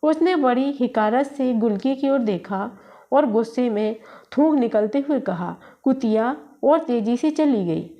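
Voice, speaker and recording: A woman with a fairly high voice reads a literary short story aloud, steady and measured. The recording sounds dull and lo-fi.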